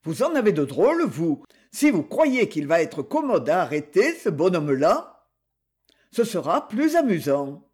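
A man's voice: high voice, very animated, a little slow, a little mellow, husky, exaggerated voice. A man doing a worried, blunt police commissioner.

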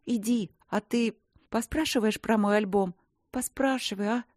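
A woman's voice: moderate pace, darkish tone, dry recording, studio quality, close to an everyday voice. A woman voicing a chatty, impulsive young girl artist who pleads and chatters in a raised voice. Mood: chirpy. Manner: pleading, high-pitched chatter.

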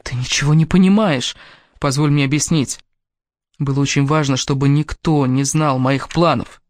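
Insistent young man from an audiobook, read by a man, demanding, fairly high voice, dry close sound. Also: fairly even intonation, moderate pace, no echo, close to an everyday voice. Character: pleading, hot-tempered young man, the lover.

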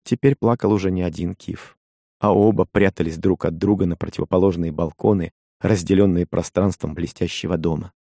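A man reading a story aloud as narrator, with expressive, measured delivery. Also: low-pitched, vocal fry, dry recording, studio quality. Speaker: audiobook narrator. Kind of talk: scripted narration.

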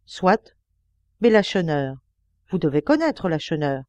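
A woman's voice: low-pitched, big pitch swings, measured pace, darkish tone, dry recording. A woman voicing a young male policeman in an audiobook, coaxing and insistent in his questions. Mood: probing. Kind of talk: audiobook character reading.

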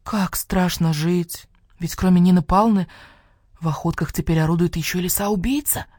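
A woman's voice: on the low side, normal speed, warm tone, husky, no echo, clean studio sound. A woman voicing a large, timid female pig who frets anxiously and keeps sinking into a whisper. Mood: fretful. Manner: anxious, often dropping to a whisper. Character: plump timid female pig, fearful and fussy.

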